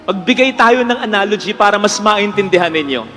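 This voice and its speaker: Man, priest, earnest homily, very high voice, long church echo, faint music behind. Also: expressive, brisk, pushed and bright. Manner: earnest, emphatic, mixes English phrases. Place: church with congregation.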